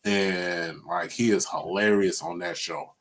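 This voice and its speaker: A young man hosting a podcast in casual chat, animated and laughing as he retells jokes. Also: deep voice, unhurried. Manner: animated storytelling, laughs a lot, sings bits of jokes. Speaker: podcast host.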